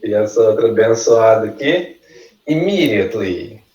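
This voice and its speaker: A male teacher leads an online workshop at an unhurried pace, modelling each word carefully for his students to repeat. His voice sounds distant in an echoey room, and the recording is dull and lo-fi. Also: medium pitch, lively intonation, a little mellow. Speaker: language teacher. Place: video call.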